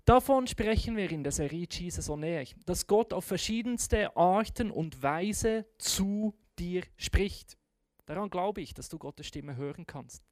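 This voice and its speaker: Lively casual storytelling preacher. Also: medium pitch, measured pace, no echo, studio quality. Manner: casual, slangy, dramatic retelling.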